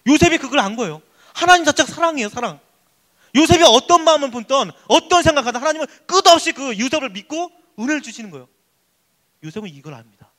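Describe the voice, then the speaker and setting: A male pastor giving an emphatic, excitable sermon at a church youth service. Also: very high voice, fast. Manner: excitable, emphatic preaching that acts out prayers.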